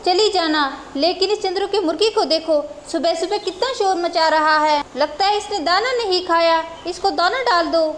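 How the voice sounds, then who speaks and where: A woman's voice: very high voice, normal speed, few pauses, a bit bright. A woman voicing a stern elderly village mother-in-law who scolds and gives orders in a storybook tale. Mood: bossy. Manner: scolding, commanding.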